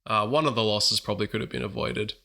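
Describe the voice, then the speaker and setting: A man's voice: on the low side, fairly even intonation, quick pace, creaky, sharp tone. A man hosting his gaming channel, chatting casually through strategy commentary while a bit sick. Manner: chatty, upbeat, self-correcting.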